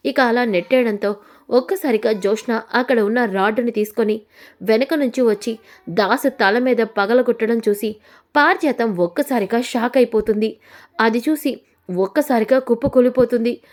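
Woman narrating a serial recap, slightly high. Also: moderate pace. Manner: dramatic, shifting into the characters' lines. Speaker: narrator retelling a TV serial episode. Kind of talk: storytelling recap with voiced quotes.

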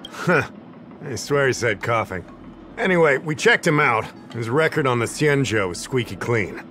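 An actor playing a friendly, somewhat scatterbrained official in a video game, casual and easygoing. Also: male voice, medium pitch, animated, moderate pace, bright, forceful tone, faint music behind. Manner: casual and easygoing, a bit forgetful. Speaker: game character.

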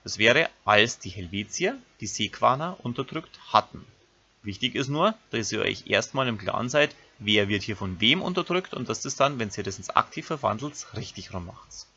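A man's voice: fairly low pitch, expressive, normal speed, bright, forceful tone, husky, dull audio. A man, a teacher giving a recorded grammar lesson, who explains step by step and speaks directly to his pupils. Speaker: Latin teacher.

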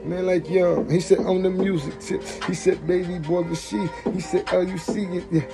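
A man's voice: high-pitched, flat delivery, normal speed, creaky. A man freestyle rapping over a beat, rambling and looping ad-libs. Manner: rambling, repetitive ad-libs and fillers. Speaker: rapper. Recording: loud beat under the voice. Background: music beat.

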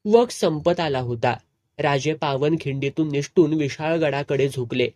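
A man reading a serialized novel aloud with vivid, expressive storytelling. His voice sits fairly high for a man, and the recording is close and dry. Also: measured pace, no room sound. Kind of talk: dramatic audiobook narration.

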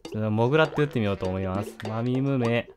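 A man's voice: mid-range voice, rapid-fire, music in the background. A man, a gaming YouTuber, commenting casually and with amusement as he plays, recorded on a studio microphone at home. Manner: amused, chatty, reacting to the game. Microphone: studio condenser mic.

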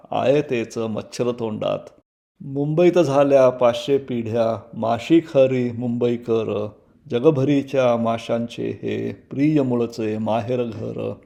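A man recites his own light verse in a slow, measured rhythm, often repeating the closing lines. His voice has a gravelly edge and a dark, mellow tone. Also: medium pitch. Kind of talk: poetry recitation.

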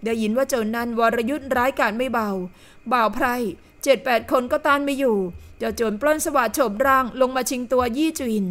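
A woman voicing a gossiping lady in purple in an audio novel, speaking in a low, conspiratorial voice. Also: a little fast, a bit bright. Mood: confiding. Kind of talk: audiobook character voice.

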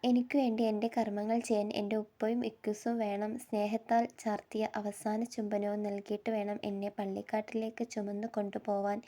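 A woman voicing a gentle dying young woman. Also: medium pitch, little pitch movement, brisk, few pauses, close to an everyday voice. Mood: pleading.

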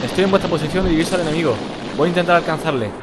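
A man's voice: on the high side, rapid-fire, natural voice. A teenage boy playing a bold, friendly fighter pilot in an amateur radio drama, talking over a radio. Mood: determined. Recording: loud music and engine noise behind.

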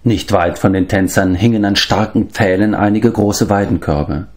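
A man reading a children's fantasy novel aloud as an audiobook, in steady, even storytelling narration. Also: fairly low pitch, normal speed. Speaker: audiobook reader. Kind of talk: scripted narration.

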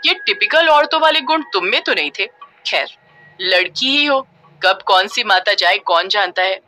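A woman's voice: mid-range voice, expressive, moderate pace, sharp tone, soft background music. Woman playing a teasing young man.

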